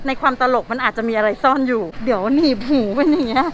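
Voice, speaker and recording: A woman's voice: sits high, fast talker, a bit bright. A young woman vlogging in a supermarket, talking through a face mask in a chatty, playful way. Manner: chatty and playful, talks to viewers. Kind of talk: casual vlog narration. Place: supermarket, indoors. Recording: noisy store background.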